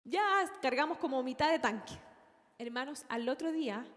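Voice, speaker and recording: A woman's voice: sits high, moderate pace, long reverb tail. A young woman preaching a sermon, telling a personal story earnestly and addressing the congregation as brothers.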